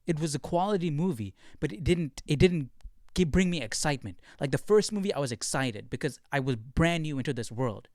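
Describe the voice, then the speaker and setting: A man giving a casual, conversational film review, thinking out loud as he talks. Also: a little high, expressive, a little fast, dry recording, clean studio sound.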